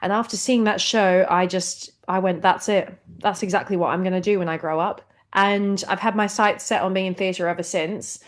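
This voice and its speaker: A woman talks as a guest on a podcast, at a middling pitch. She is bubbly and expressive and laughs easily as she tells her story. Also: moderate pace, few pauses. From New Zealand. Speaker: actress and singer, guest. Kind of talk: casual interview chat.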